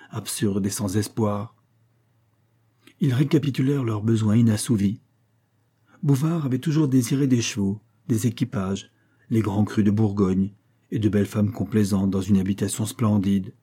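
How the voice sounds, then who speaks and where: A man narrating a classic novel as an audiobook, with measured, even reading. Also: on the low side, husky.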